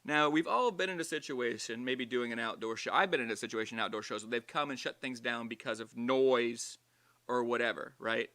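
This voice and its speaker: A man co-hosting a casual livestream, loud, excitable and swearing freely. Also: medium pitch, brisk. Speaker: co-host.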